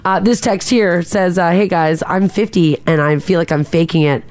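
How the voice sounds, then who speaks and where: A woman's voice: lowish voice, moderate pace, darkish tone. A woman co-hosting a casual podcast, reading listener texts aloud and chatting about them. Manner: chatty, reads messages aloud with asides. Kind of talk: casual chat.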